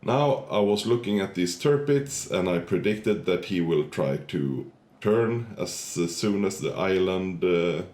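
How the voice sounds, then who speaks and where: A man with a muffled voice, congested from a cold, giving halting gameplay tutorial commentary as host of a gaming channel. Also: sits low, expressive, darkish tone, roomy sound.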